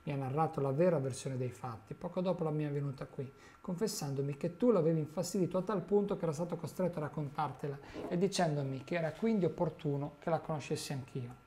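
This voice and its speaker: A man's voice: a little high, fast, few pauses, warm tone, lightly acted. A man reading as a young male hobbit who asks bewildered, worried questions. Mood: puzzled.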